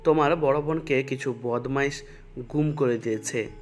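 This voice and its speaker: A man playing a caring middle-aged police officer who gives slow, grave warnings, with faint music behind him. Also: mid-range voice, lightly acted.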